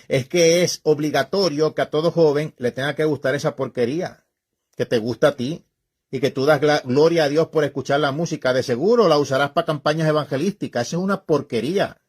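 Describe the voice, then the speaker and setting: A male preacher with a somewhat high-pitched voice who talks in a loose, conversational style. He is emphatic and scolding, and he hammers his points home with repeated phrases and direct asides to the listener. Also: moderate pace, a little mellow. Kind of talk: informal preaching talk.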